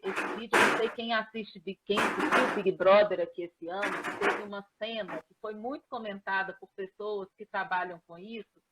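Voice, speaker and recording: A woman, a coach explaining ideas in a live online chat, often pausing on filler sounds. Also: medium pitch, heavy background noise. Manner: explanatory, with frequent hesitation fillers. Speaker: professional coach, guest. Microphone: video call.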